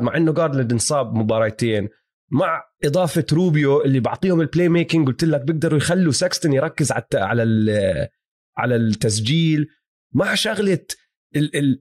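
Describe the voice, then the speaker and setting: A man with a Levantine Arabic accent chats casually as a sports co-host. His voice sits at an average pitch and moves along briskly. English basketball terms are woven into his Arabic. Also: a little mellow.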